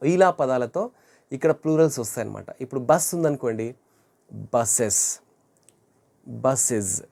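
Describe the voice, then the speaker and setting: An English teacher giving an online grammar lesson, repeating each word slowly to model pronunciation and correcting wrong forms. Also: mid-range voice, expressive, a little mellow.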